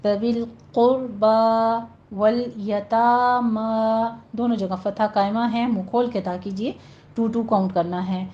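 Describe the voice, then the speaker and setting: A woman teaching Quran recitation rules in a patient, instructive way, drawing out slow examples. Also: mid-range voice, steady tone, slight background noise. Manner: patient, instructive, drawn-out demonstrations. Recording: dull lo-fi audio.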